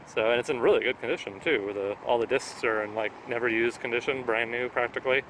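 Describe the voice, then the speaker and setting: A video game collecting vlogger speaks quickly in a mid-range, slightly bright voice. He chats casually while out around shops and a mall, often checking in with a companion, in a noisy location recording full of traffic and ambience.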